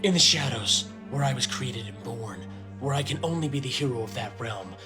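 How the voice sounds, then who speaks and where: Man as brooding, pompous dark angel warrior. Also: medium pitch, lively intonation, moderate pace, over music, close to an everyday voice. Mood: brooding, menacing. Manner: pompous, theatrical, ominous. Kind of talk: tabletop fantasy role-play parody.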